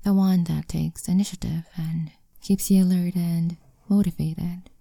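A young woman whispering an intimate, coaxing audio roleplay in a soft, commanding way. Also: fairly low pitch, fairly even intonation, measured pace, vocal fry, dry recording, clean studio sound.

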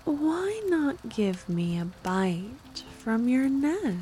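Ancient, seductive vampire woman, very slow ASMR role-play, acted by a woman. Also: fairly high pitch, very animated, warm tone, slight background noise, full character voice. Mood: hungry, seductive. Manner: slow, intimate, teasing, drawn-out delivery. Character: ancient seductive possessive female vampire, sly and menacing.

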